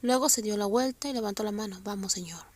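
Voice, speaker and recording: A woman narrating a romance novel aloud, speaking softly and often half-whispering. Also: medium pitch, steady tone, quick pace, no room sound.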